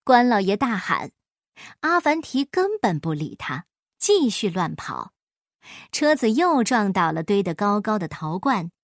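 A woman storyteller reading a folk tale aloud in an expressive storybook style. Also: on the high side, no room sound, clean studio sound.

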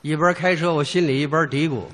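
A man's voice: a little high, fairly even intonation, fast, fairly bright tone. A man performing crosstalk comedy, telling a story as a taxi driver. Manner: storytelling, playing a cab driver. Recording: reverberant hall.

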